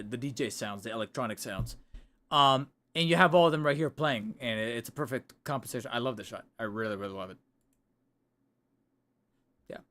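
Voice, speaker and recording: A man with a medium-pitched, slightly bright voice rambles through a casual livestream chat from his home room. Chatty and often correcting himself, he sounds increasingly tired, picked up on a desk mic.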